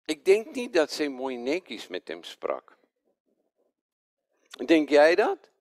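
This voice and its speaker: Speaking slowly in a fairly high voice, this preacher addresses his congregation in a dry-sounding recording. His delivery is animated and full of rhetorical questions, and he fumbles names before correcting himself.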